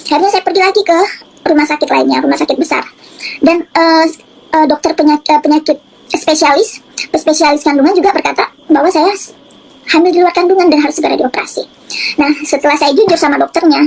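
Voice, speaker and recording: High-voiced woman giving an earnest testimony. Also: poor audio. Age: adult. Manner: earnest, halting with fillers and restarts. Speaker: testimony giver. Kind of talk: personal faith testimony.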